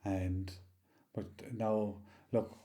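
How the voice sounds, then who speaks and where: A man in his sixties with a rural County Limerick Irish accent, telling anecdotes in a halting, rambling, casual way. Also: on the low side, level tone, warm tone. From County Limerick, Ireland. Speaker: interview guest, local storyteller. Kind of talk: oral history reminiscence, casual storytelling.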